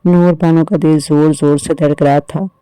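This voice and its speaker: A man reading a scripted horror story in an even, measured narration. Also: a little high, clean tone, dry recording, poor audio.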